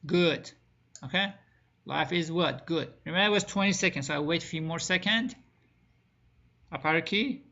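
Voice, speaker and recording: A man's voice: on the high side, moderate pace, creaky, long pauses, bright, forceful tone, muffled recording. A man teaching a screen-recorded networking lesson, asking the class questions and answering them himself, with small grammar slips. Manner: plain spoken with non-native grammar slips. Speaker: networking instructor.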